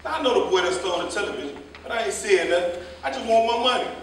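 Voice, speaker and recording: In a staged play reading, a man plays a meddlesome cab driver who gossips indignantly and tells long-winded stories. His high, fairly bright voice is expressive and very fast. The echoey stage recording has a distant mic and faint noise.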